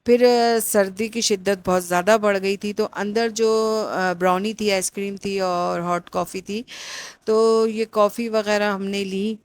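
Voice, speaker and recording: A woman's voice: mid-range voice, steady tone, dry recording. Middle-aged woman, casual vlog narration, rambling with fillers, dry recording. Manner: chatty, rambling with many fillers. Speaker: vlogger.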